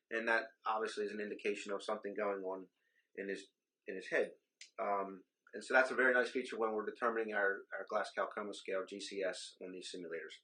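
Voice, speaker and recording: A man's voice: medium pitch, a bit bright, low-quality recording. Man giving a methodical equipment walkthrough. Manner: explanatory, methodical, occasional ums. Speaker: simulation program administrator. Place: hospital trauma bay in a simulation lab.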